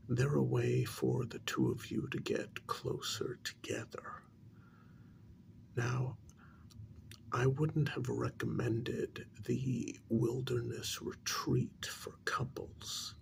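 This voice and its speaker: In a gentle ASMR role-play, a man takes the part of a patient, middle-aged couples therapist. He talks low, frequently close to a whisper, in a measured, halting, soothing manner. His voice is also gravelly and exaggerated.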